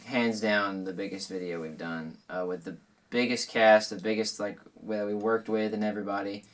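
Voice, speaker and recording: A man's voice: fairly low pitch, steady tone, moderate pace, recorded from a distance. Young man chatting, a bit off mic. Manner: laughs often, many fillers and restarts. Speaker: co-host. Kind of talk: casual chat.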